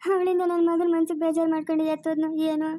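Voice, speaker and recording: A woman's voice: high-pitched, steady tone, fast, warm tone, no room sound, clean studio sound, lightly acted. A woman doing a wailing, vengeful village mother. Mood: furious. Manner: wailing laments and angry threats. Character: distraught middle-aged village mother, fierce and bitter.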